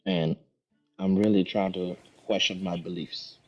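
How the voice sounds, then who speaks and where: A man's voice: low voice, fairly even intonation, unhurried, a little mellow. A man with a thick foreign accent in casual discussion, thinking aloud hesitantly and repeating his phrases. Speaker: guest answering questions. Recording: dull lo-fi audio, music behind.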